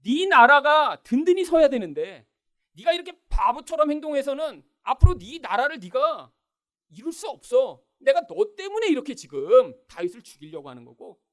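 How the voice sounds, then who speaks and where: A man's voice: very high voice, sing-song, moderate pace, voice pushed up. A man voicing an angry king who scolds his son and blames him for his own rage. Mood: accusing. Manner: accusing, self-justifying.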